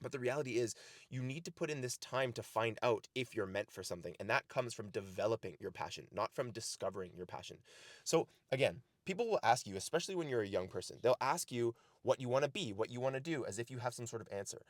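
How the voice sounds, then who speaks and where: A man's voice: mid-range voice, lively intonation, quick pace, no echo, clean studio sound. A man from Canada giving casual life advice to camera, earnest and direct, often asking "right?". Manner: earnest, repeats "right?" and "the reality is". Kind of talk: casual motivational talk to camera. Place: outdoors in snow.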